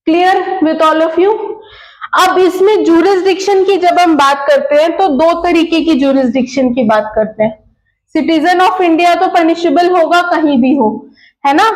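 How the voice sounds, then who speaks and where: Slow, high-voiced woman teaching law. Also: a little mellow, roomy sound, poor audio. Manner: mixes Hindi and English, repeats key terms slowly; asks questions and answers them herself. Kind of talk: lecture.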